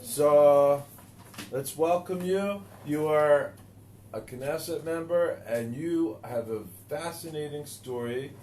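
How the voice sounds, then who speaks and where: A jovial man greets and introduces his interview guests. His voice sits a little high. He sounds far off in a roomy space with noise around. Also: takes it slowly, dark tone. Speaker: interview host. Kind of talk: friendly interview. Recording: echoey room, far from mic, noisy.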